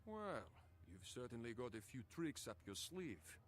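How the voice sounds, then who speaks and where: A man's voice: mid-range voice, big pitch swings, unhurried, a little hiss or hum. A man voicing a haughty, impatient male craftsman mentor in a video game, with a condescending, theatrical delivery. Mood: grudgingly impressed.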